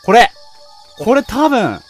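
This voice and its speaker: A man commentating on a horror game, crying out hard in fright, screaming and shouting in panic. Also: extremely high pitch, wildly swooping pitch, slow, slightly rough, faint music behind. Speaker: video game player and commentator.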